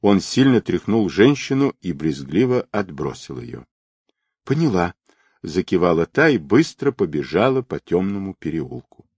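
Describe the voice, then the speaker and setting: A man reading a novel aloud as an audiobook narrator, voicing all the characters in a lively, dramatic way. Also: moderate pace, breathy edge, no echo. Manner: lively, dramatic reading with wide swings in pitch.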